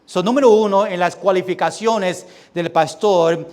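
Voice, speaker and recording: A young man with a Puerto Rican Spanish accent preaching a sermon as pastor, reading scripture slowly and loudly and dropping to quieter asides. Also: high-pitched. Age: young adult. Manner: reads scripture slowly and loudly, then drops to soft asides.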